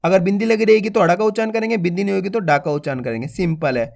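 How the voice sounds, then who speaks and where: A man's voice: high-pitched, rapid-fire, vocal fry, a little mellow. A man teaching Hindi reading, spelling words out syllable by syllable and then blending them, asking and answering his own questions. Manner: addresses viewers as friends, asks and answers his own questions. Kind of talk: slow syllable-by-syllable reading lesson.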